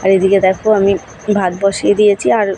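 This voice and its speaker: A woman's voice: mid-range voice, completely flat delivery, quick pace, warm tone, a little hiss or hum, low-quality recording. A young woman, narrating her day in a casual, rambling home vlog with many fillers. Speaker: vlogger, housewife.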